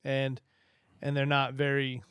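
A man's voice: mid-range voice, completely flat delivery, a little slow, a bit bright, clean tone, no echo, clean studio sound. A man co-hosting a casual podcast, telling a rambling story and laughing often. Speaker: podcast co-host. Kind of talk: casual chat.

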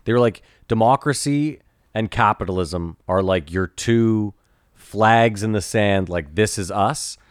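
A man's voice: on the low side, unhurried, smooth, no echo, clean studio sound. A man co-hosting a podcast, talking bluntly and loosely in casual chat, with some swearing. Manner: blunt, profane, loose rambling talk. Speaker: podcast co-host.

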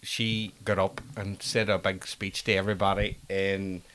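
A man's voice: low-pitched, level tone, normal speed, a bit bright. A man telling a story in casual chat, hesitant and stopping to restart. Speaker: podcast guest.

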